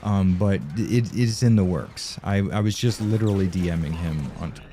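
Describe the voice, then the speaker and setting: A man's voice: deep voice, moderate pace, warm tone, a little hiss or hum. A man streaming a game live, chatting casually with viewers, swearing, rambling and laughing often, tired from no sleep.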